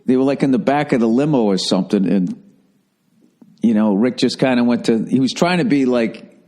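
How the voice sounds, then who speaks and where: Profane, animated American man telling stories. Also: medium pitch, fairly quick. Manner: profane, animated storytelling with impressions of others. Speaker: comedian podcast host. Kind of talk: casual storytelling monologue.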